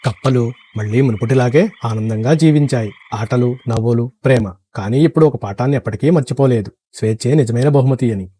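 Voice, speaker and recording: A man narrating a children's moral story in an even, measured storytelling manner. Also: medium pitch, husky.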